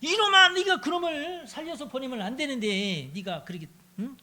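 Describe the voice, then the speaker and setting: A man's voice: sits high, steady tone, fast talker. A man voicing an old king who rages and hurls curses. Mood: furious. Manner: shouting insults. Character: raging old king, furious and cursing.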